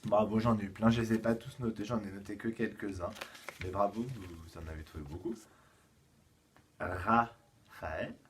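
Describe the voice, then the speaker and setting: French teacher recording a home lesson for small kids; low, patient, slow and clear, faint room hum behind. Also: male voice. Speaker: kindergarten teacher. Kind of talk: home-schooling lesson for young children.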